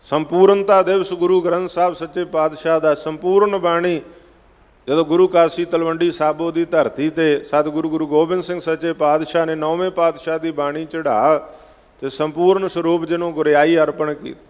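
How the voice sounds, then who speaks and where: A man preaching a sermon, chanting scripture lines slowly and then explaining them in plain speech. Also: a little high, little pitch movement. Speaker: Sikh preacher giving scripture exposition. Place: large gurdwara hall. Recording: long hall reverb.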